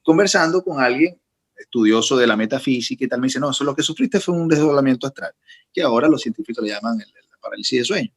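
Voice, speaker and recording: A young man, co-host of a talk podcast, telling a personal story in a casual, animated way that builds in intensity. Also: medium pitch, fast. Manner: animated, recounting with rising intensity.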